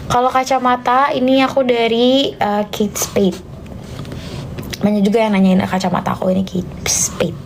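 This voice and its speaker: A young Indonesian woman answers viewer questions on a casual live stream, chatting freely, mixing in English phrases, and at times dropping to a whisper. Her voice is a little high and creaky, with a level tone and moderate pace. The low-quality recording has slight background noise.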